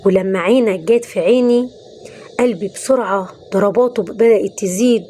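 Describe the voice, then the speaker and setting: A woman's voice: medium pitch, brisk, mellow, a little hiss or hum, lightly acted. A woman voicing a repentant middle-aged former thief who confesses in an Egyptian accent, in a pleading tone. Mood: remorseful. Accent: Egyptian Arabic.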